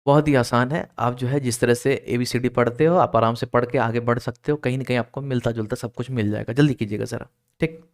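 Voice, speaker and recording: A man teaching an online exam-prep reasoning class, explaining each step and keeping students moving with quick check-ins. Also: medium pitch, fairly even intonation. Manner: explains step by step, keeps checking with "ठीक है?" and urging students to hurry. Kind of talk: recorded class lecture.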